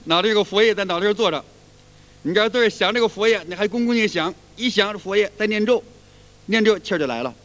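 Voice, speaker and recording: A man's voice: high-pitched, quick pace, fairly bright tone. A man. His talk is folksy and repetitive, and he breaks into sung demonstrations. The sound carries a long reverb, as if recorded in a hall. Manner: folksy, repeats himself, demonstrates chants aloud. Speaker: qigong teacher. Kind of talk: colloquial spoken lecture.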